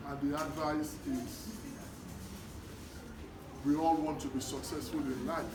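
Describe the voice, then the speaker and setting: Echoey, higher-voiced Nigerian man addressing schoolchildren. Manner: deliberate, with short phrases and emphatic repetition. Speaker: guest speaker, education worker. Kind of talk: motivational talk to schoolchildren. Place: echoey room at a live children's event. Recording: distant mic, echoey noisy room. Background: noise, small children.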